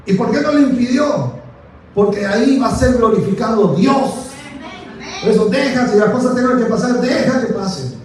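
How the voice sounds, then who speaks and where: High-voiced man preaching in an echoing hall. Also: normal speed, a little hiss or hum. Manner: emphatic preaching, repeats phrases, playful asides. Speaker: pastor. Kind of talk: sermon. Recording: echoey church hall from far off.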